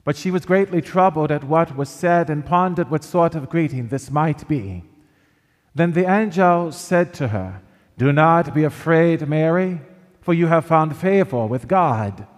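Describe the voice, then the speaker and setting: Slow priest reading in cathedral echo. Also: male voice, fairly high pitch, darkish tone. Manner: slow, measured proclamation. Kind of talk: liturgical Gospel reading. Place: large church. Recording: long church reverb.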